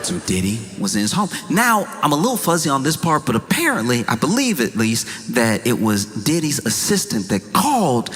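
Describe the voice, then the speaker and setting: Male comic, incredulous storyteller with jokey asides, bright voice in a reverberant hall. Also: mid-range voice, wildly swooping pitch, normal speed, few pauses, faint music behind. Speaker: comedian. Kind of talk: stand-up comedy monologue.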